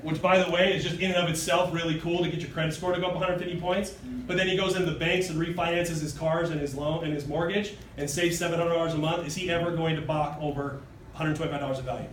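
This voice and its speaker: A sales presenter in his thirties delivers a motivational pitch in a high, punchy voice at a quick pace with fairly even intonation. He stands, gestures broadly and keeps emphatically asking "okay?" and "true?". A far-off phone camera in the audience captures him in a hotel meeting room, so the sound is roomy and distant with faint hiss.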